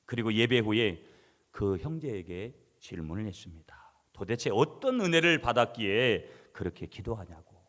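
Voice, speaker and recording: A middle-aged man preaching a sermon as pastor, swinging between loud emphatic passages and quiet asides to the congregation. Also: fairly low pitch, big pitch swings, moderate pace. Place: church sanctuary. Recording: church hall reverb.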